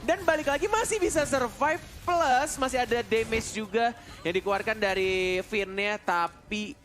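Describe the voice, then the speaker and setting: A man with an Indonesian accent giving excited, dramatic esports play-by-play like a fighting game announcer, mixing in English gaming terms. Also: extremely high pitch, moderate pace. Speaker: esports shoutcaster. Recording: music behind the voice.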